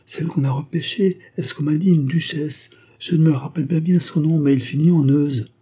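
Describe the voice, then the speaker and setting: A man reading an audiobook voices a simple village woman excitedly telling the news of an accident, his voice pitched well above his own. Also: a little fast, husky. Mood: eager telling.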